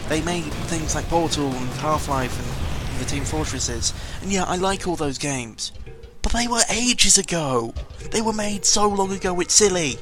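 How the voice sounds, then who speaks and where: A gaming vlogger records a rambling, hesitant audio log, speaking casually in a slightly high, animated voice. He talks unhurriedly with hardly any pauses, meandering through grumbly, blunt opinions and some mild swearing. Music can be heard behind him.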